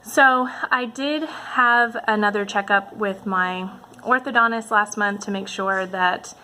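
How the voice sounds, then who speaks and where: Bright-voiced woman, casual vlog. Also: mid-range voice, takes it slowly, a little hiss or hum. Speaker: vlogger talking to subscribers. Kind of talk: casual update vlog to camera.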